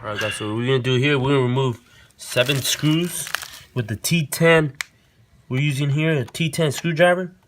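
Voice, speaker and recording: With a medium-pitched voice at a moderate pace, a man casually guides viewers through a car installation, going over things more than once. Clicks and vehicle sounds come through in the noisy audio.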